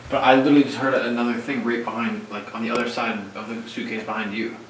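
A young man chatting casually and excitably during a night ghost investigation, often repeating himself. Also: mid-range voice, fast. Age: young adult. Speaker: ghost hunter. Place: dark cluttered room indoors on a ship. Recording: noisy, echoey, distant camera mic.

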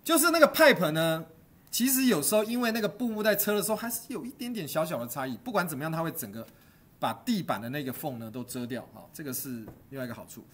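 A middle-aged man lectures a classroom on stagecraft. His voice is slightly high and a little husky, and his pitch swings widely as he tosses questions and jokes at his students. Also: fast. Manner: animated, quizzes students and jokes; mixes English terms into his teaching. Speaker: university stagecraft teacher.

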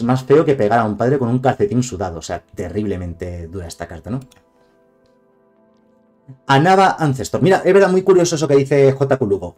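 A man's voice: mid-range voice, a little mellow. Man, castilian spanish accent, casual live-stream chat, rambling and digressive, faint music behind. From Spain. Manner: chatty, digressive, greets viewers. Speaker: streamer reviewing card game cards.

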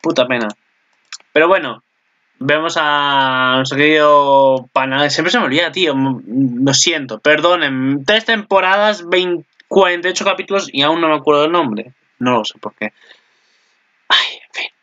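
A young man with an accent from Spain, giving casual anime commentary, excitable and swearing freely while laughing at himself. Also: a little high, normal speed, muffled recording.

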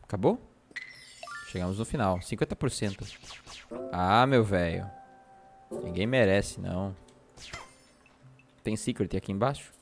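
A man's voice: low-pitched, a little slow, pauses often, soft background music. A young man with a Brazilian accent streaming a game live, shrieking and cursing when startled and laughing often. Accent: Brazilian Portuguese. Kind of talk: live gameplay commentary.

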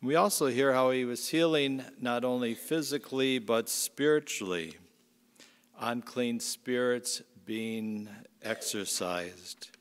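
Slow-spoken priest in a cathedral echo. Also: male voice, mid-range voice, smooth. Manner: measured, unhurried liturgical delivery. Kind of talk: gospel reading and homily. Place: large church. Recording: long church reverb.

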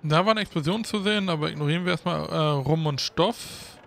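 A man giving casual gameplay commentary as a Let's Play host, thinking aloud in a relaxed, chatty way. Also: on the high side, brisk, creaky.

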